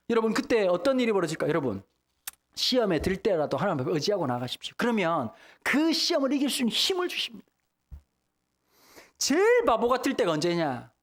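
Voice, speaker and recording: A man from Busan delivers a revival sermon as guest pastor, his pitch leaping from low murmurs to high cries. He is emphatic and humorous, and bursts into sudden shouts when he acts out prayers. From Busan, South Korea.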